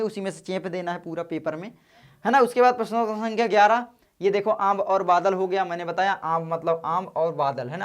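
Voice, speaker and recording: Casual Hindi exam-prep teacher, man. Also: sits high. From northern India. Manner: casual, chatty, addresses students as brothers.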